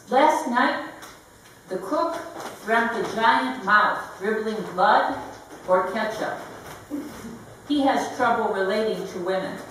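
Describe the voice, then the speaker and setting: A woman poet giving a live poetry reading, speaking slowly and deliberately, with light laughs between lines. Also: mid-range voice, a bit bright, distant mic. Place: gallery event room. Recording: very echoey room, voice heard from afar with faint background hiss.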